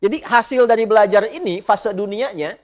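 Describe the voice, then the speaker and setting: A man preaches a sermon. He chants Arabic verses slowly and questions his listeners directly, swinging from emphatic peaks to soft asides. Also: sits high. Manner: asks the audience direct questions. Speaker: Islamic preacher.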